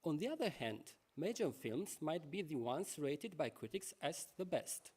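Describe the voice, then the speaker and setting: A man reads a prepared lecture to a conference audience. His voice sits a little high, and his delivery is measured. He breaks off now and then for asides to the listeners. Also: very animated, darkish tone, slightly rough.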